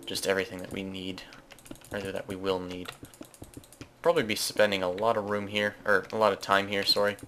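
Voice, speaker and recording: A man's voice: sits low, flat delivery, brisk, fairly bright tone, slight background noise. A man giving casual, rambling commentary as he plays a game, often correcting himself mid-sentence. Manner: rambling, self-correcting, chatty asides. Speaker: Let's Play host.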